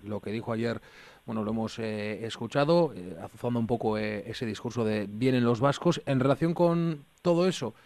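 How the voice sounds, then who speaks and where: A man's voice: medium pitch, moderate pace, a little mellow, no room sound. A man hosting a radio panel, reading newspaper headlines and steering the discussion. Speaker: radio host.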